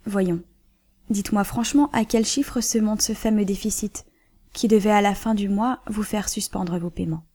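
A woman reading the part of a cool, dignified banker's wife who schemes calmly. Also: medium pitch, moderate pace, lightly acted. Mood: composed.

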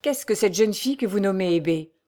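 A woman's voice: mid-range voice, expressive, brisk, dark tone, natural voice. A woman reading the part of a young nobleman, ardent and pleading, pressing with urgent questions.

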